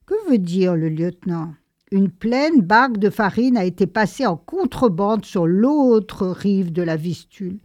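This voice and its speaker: A woman's voice: mid-range voice, expressive, a little slow, darkish tone, no echo, studio quality, natural voice. A woman voicing a courteous, worldly German army lieutenant in a read-aloud story. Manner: polite, gallant.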